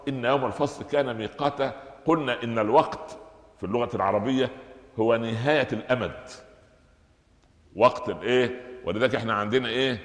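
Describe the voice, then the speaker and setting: A man with an Egyptian accent giving a lively Quran commentary lesson, asking his listeners questions and answering them himself. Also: medium pitch, fast, roomy sound, in a large hall. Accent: Egyptian Arabic. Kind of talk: lively colloquial religious lesson.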